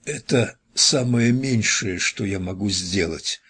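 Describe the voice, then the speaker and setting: A man voicing a dying, overweight man who wheezes and pleads in a hoarse, husky voice while coughing up blood. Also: mid-range voice, animated, a little slow. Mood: weak.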